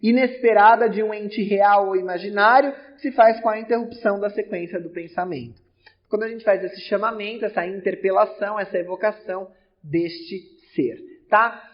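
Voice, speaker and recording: Male teacher, São Paulo accent, high voice, patient step-by-step explainer, lo-fi video lesson sound. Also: steady tone, normal speed. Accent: São Paulo Portuguese. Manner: explains with repeated examples and checks in with the class.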